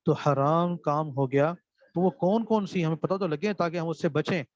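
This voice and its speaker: Questions go out to his seminary students, and this Pakistani man answers them himself, repeating key terms as he lectures on Quran recitation. His voice is fairly high-pitched, and the dull, dry lo-fi recording has no room sound.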